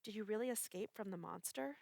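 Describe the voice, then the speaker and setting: A woman voicing a gentle blind young woman who speaks worriedly with a trembling voice. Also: medium pitch, brisk, vocal fry, no echo, close to an everyday voice.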